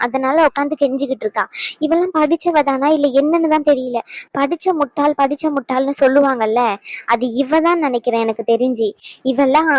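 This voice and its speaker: A woman plays a fierce elder sister in a cartoon drama, scolding in a high voice that lectures without letup. The sound is dry and close, with no room around it. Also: no echo, lightly acted, rough recording. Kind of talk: animated drama dialogue.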